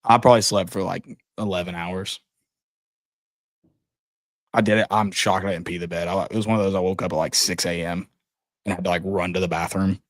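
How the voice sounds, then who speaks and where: A man's voice: deep voice, fairly even intonation, a little fast, pauses often, no echo. Blunt joking man, dry close mic. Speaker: podcast co-host. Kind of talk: casual sports chat.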